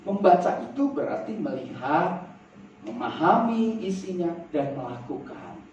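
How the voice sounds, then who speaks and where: A man's voice: on the high side, big pitch swings, measured pace, a little mellow, a little hiss or hum. A male pastor preaching a sermon in a jokey manner, slipping into slang and acting out quotes. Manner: jokey, switching into Jakarta slang and acted quotes. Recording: very echoey hall, distant mic, dull sound.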